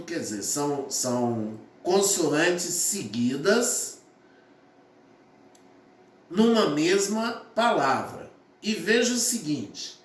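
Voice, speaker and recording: A man teaching a grammar lesson, talking slowly, repeating his points and sounding out syllables one by one. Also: high voice, distant mic. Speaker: Portuguese teacher. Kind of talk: classroom lesson explaining phonetics. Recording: echoey room, voice from off-mic.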